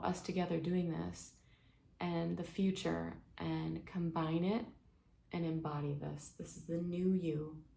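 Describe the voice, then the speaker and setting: A woman with a low, gravelly voice leads a guided healing exercise with gentle, soothing instructions. Her delivery stays flat and even. The echoey room carries faint ambience behind her. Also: a little hiss or hum. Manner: gentle, soothing step-by-step guidance.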